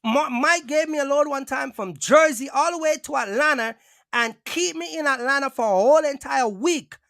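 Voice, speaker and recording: At normal speed, a man with a very high, creaky voice and sharp tone tells streetwise stories as a box truck owner-operator and vlogger. He speaks casually and emphatically, repeats himself, and talks straight to listeners; the studio-quality recording has no room sound.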